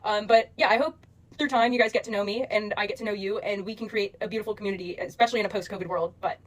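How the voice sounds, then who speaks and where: Gushing, fast-talking young woman. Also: mid-range voice, fairly even intonation. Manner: rambling, filler-heavy, gushing. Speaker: social media creator. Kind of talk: casual talk to followers.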